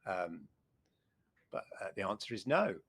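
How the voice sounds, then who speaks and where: A man's voice: low voice, big pitch swings, measured pace, fairly bright tone, slightly rough, dry recording. A middle-aged man co-hosting a retro gaming show, chatting with enthusiasm and rambling through restarts. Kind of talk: casual chat.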